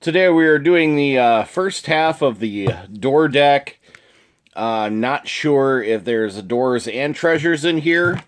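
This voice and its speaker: A man's voice: mid-range voice, takes it slowly. A man hosting his own channel, casually reading card text aloud with short asides and chuckles. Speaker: channel host reviewing card game cards.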